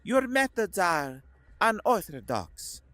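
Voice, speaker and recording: An earnest, academy-trained woman officer who talks in a measured, reflective way, as a male narrator puts her on. The pitch sits raised and moves in lively swings. The sound is dry and close. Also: no room sound, full character voice.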